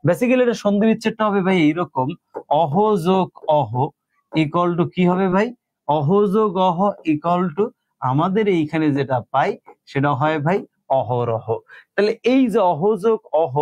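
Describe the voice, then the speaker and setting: A young man with a colloquial Bangladeshi Bengali accent runs a live online exam-prep lesson. His voice sits a touch high and is recorded close and dry. He explains each step patiently, calls his students "bhai" and reads out their names as he goes. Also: a little mellow, no room sound. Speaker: teacher.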